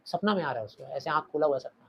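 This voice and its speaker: A man teaching a short story in Hindi, reading English lines with an Indian accent and acting out quoted lines before dropping to quiet asides. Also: on the high side, lively intonation, fast talker, gravelly, muffled recording. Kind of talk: explaining a story in Hindi lecture.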